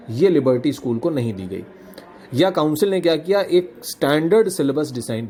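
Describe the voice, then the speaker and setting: A man's voice: on the high side, darkish tone, slight background noise. Hindi-speaking man teaching a class. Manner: explains in Hindi mixed with English, reads definitions out slowly. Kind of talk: classroom lecture.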